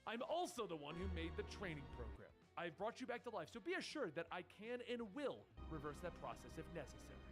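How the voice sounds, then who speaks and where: A man's voice: high voice, big pitch swings, fairly quick, few pauses, music in the background. Man reading a cold stern woman agent. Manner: stern, threatening.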